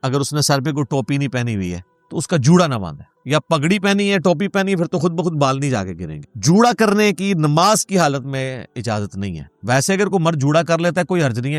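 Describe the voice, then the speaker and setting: A man's voice: mid-range voice, no room sound. A man giving a religious question-and-answer lecture, explaining rulings and citing hadith in a patient, explanatory way. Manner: explanatory, cites hadith, code-switches English words.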